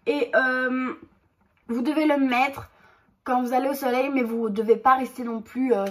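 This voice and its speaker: Woman vlogger, high-pitched, halting casual haul chat, stops often to read labels. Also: fairly even intonation. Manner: reads product packaging aloud, hesitant with many fillers. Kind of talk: casual product haul vlog.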